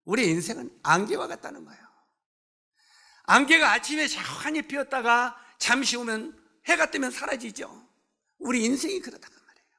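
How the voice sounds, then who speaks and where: A man's voice: extremely high pitch, animated, moderate pace, creaky, pushed and bright. A man in his seventies preaching a sermon at a church service, talking conversationally, putting questions to the congregation and joking with members. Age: 70s. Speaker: pastor.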